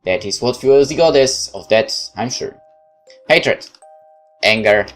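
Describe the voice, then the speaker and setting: Low-voiced woman narrating a game playthrough. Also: expressive, a little slow, soft background music. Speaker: gamer reading a visual novel aloud.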